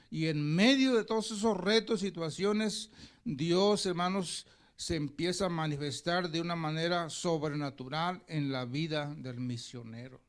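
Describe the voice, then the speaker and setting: A pastor preaching a sermon, telling a story and calling the congregation brothers as he goes. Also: high voice.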